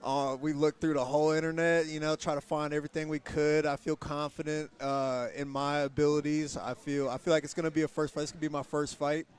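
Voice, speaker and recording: A man with a slightly high, clear voice talks as a fighter before his bout. His delivery is very flat and casual, with an understated confidence. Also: fairly quick, hardly any pauses. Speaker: MMA fighter being interviewed. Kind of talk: casual pre-fight interview.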